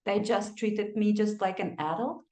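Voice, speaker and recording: Laughing and acting out the people she quotes, a woman who advises on migration tells lively stories as she gives her advice. Her pitch is medium and her speed normal, and the room is echoey.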